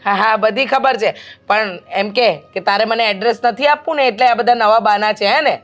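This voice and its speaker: A woman playing a pushy middle-aged mother-in-law who wants a grandson, talking loudly and insistently in a family drama. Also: fairly high pitch, moderate pace, faint music behind, natural voice. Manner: loud, insistent, scolding. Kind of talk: amateur family drama acting.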